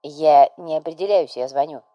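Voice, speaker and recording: A woman's voice: sits low, normal speed, dark tone, no echo, lo-fi sound, lightly acted. Woman reading a male agent, cold, curt, clipped, storybook. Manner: terse and clipped.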